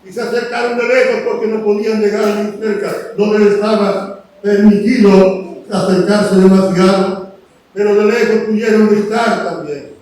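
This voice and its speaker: High-voiced preacher in an echoey room. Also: male voice, a little hiss or hum. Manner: voices the cries of the story louder, drops to soft asides. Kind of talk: sermon retelling scripture. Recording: roomy echo from a distant mic with faint ambience.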